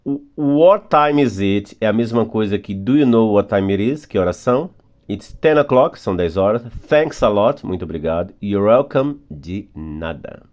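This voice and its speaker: A man with a Brazilian Portuguese accent, teaching a recorded English grammar lesson for beginners and patiently repeating words slowly. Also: fairly low pitch, lively intonation, darkish tone.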